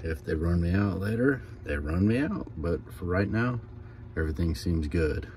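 Speaking to camera from a camper van and parking lots, this middle-aged American vlogger from California has a low, expressive, slightly mellow voice and a moderate pace. His explanations are casual, plain and repetitive. The phone he holds at arm's length picks up plenty of vehicle and outdoor noise.

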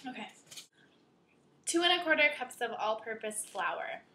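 Female home-baking host, tipsy and giggly, loose rambling chat, fairly high pitch, roomy sound with clear background noise. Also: very animated, moderate pace, pushed and bright. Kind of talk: casual chat while cooking. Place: indoors in a home kitchen.

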